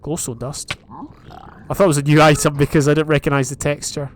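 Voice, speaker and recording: A young Scottish gaming YouTuber speaks fairly quickly in a fairly high, level voice, with slight background noise. His Minecraft let's play commentary is casual and chatty as he thinks aloud and reads advancements while playing.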